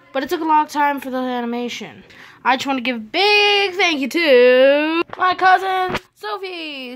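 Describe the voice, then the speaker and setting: Her voice high-pitched and fairly bright, a teen vlog host rambles through car-trip tales while showing her drawings, poking fun at herself as she records on a phone held in hand.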